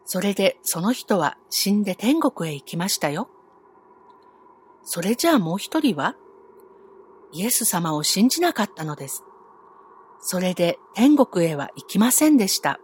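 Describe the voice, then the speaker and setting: A woman with a medium-pitched, slightly rough voice tells children a Bible story. She is gentle and friendly, asking her young listeners questions as she goes.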